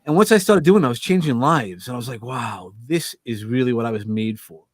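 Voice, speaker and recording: Middle-aged Brooklyn-accented male guest, joking and animated, a dry close sound. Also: mid-range voice, a little fast, no room sound. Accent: New York (Brooklyn). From Brooklyn, New York. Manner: animated, joking, self-interrupting. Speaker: podcast guest. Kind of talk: casual interview chat. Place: remote video call.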